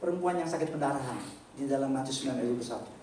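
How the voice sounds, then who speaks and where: A male pastor giving an animated sermon, with rhetorical questions, loud emphatic peaks and casual slangy asides to the congregation. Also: mid-range voice, rapid-fire, a little hiss or hum. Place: church hall. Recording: echoey church hall from a distant mic.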